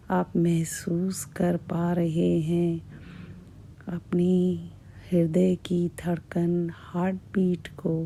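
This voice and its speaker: A woman hypnotist guiding a relaxation in a hushed, breathy, measured voice, repeating soothing phrases with long pauses. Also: fairly low pitch, a little hiss or hum. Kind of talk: slow, soothing guided hypnosis.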